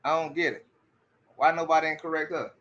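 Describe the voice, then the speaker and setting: A man talking in casual commentary with a slightly high, bright and forceful voice. He stammers through restarts and keeps repeating rhetorical questions. The audio sounds a little muffled and lo-fi. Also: fairly even intonation, fairly quick. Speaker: commentary streamer.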